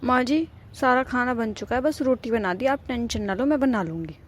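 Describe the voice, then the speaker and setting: A woman's voice: fairly high pitch, normal speed, close to an everyday voice. A woman voicing a put-upon young wife in a cartoon, grumbling and complaining. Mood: polite. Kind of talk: cartoon voice acting.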